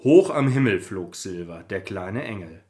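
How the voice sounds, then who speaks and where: A man's voice: sits low, expressive, normal speed, darkish tone. A man co-hosting a podcast, chatting and then reading a Christmas story aloud while slightly tipsy, laughing and stumbling now and then. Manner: chatty, laughing, reads with small slips. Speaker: podcast co-host.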